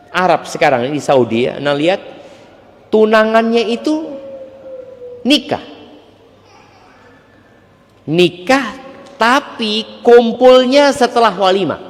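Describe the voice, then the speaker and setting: A man's voice: sits high, long reverb tail. A male preacher giving a religious lecture and answering audience questions, in a conversational way with joking asides.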